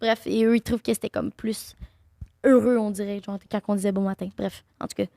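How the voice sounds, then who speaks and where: A woman from Quebec with a Québécois French accent, telling stories as a podcast guest, lively and full of fillers. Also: medium pitch, fairly quick, vocal fry, dry recording, clean studio sound. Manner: animated storytelling, lots of fillers. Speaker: guest streamer. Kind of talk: casual podcast chat.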